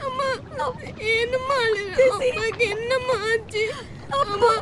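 A woman's voice: extremely high pitch, fairly even intonation, takes it slowly, crowd noise, noisy background. A woman acting a frightened, crying young child in an emotional radio drama, plaintive and repetitive. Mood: tearful, frightened. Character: frightened, tearful young child comforting mother.

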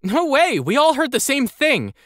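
Guy doing a squeaky hyped-up kid, bossy and boastful, swoops all over. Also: normal speed, dry recording, clean studio sound, full character voice. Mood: thrilled. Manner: excitable, shrill when thrilled. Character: eager boastful young boy hero.

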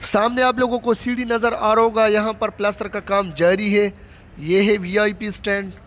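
Outdoors with a handheld phone, a man from Pakistan gives a casual walking tour of a large stadium being built, talking in plain running commentary and repeating himself. His voice is high, a bit bright and level, at a moderate pace, with a little hiss or hum.

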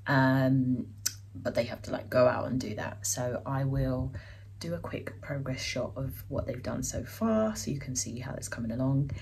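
A woman chats casually in a home vlog, filming on a handheld phone at arm's length in her kitchen. Her voice is rumbling low, creaky and a little mellow at normal speed, full of ums and likes. A little hiss or hum is present.

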